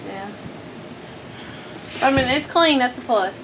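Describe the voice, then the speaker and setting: A woman's voice: high voice, lively intonation, slow. A woman in her thirties chatting casually as a vlog co-host in a plain-spoken, practical way. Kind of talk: casual chat. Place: inside a metal storage unit. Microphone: camera a few feet away. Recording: noisy ambient background.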